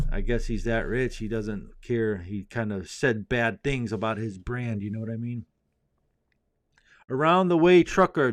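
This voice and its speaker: A relaxed man hosts a casual live chat and reads out viewer questions one after another. He rambles easily from one point to the next in a mid-pitched voice. The sound is dry and close, with no room echo. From Indianapolis, US. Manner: laid-back, chatty, rambling. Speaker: fragrance livestream host.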